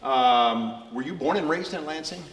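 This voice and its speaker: A man's voice: on the high side, lively intonation, unhurried, a bit bright. A man from a church congregation asking a mayor questions, polite and a little hesitant. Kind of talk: informal questioning. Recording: roomy echoey church hall, faint noise.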